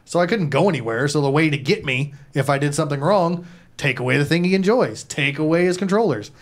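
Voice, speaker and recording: Slightly high-voiced man bantering profanely. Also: quick pace. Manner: profane, joking. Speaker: show host. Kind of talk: casual livestream banter.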